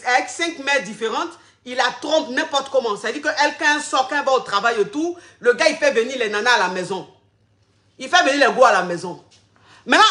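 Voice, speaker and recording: Bright high-voiced woman coach. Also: reverberant. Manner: repeats phrases, calls viewers darling and family. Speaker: relationship coach on a live stream. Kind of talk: live-stream advice talk.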